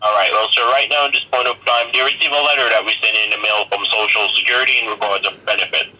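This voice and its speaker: A man with an Indian accent speaks in a low, bright, sharp voice over a noisy, tinny phone line. He pushes his script, halting and repeating his words until he gets his point across. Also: fairly even intonation. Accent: Indian English. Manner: halting, repeats himself, insistent. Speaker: phone scammer posing as a government agent. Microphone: telephone.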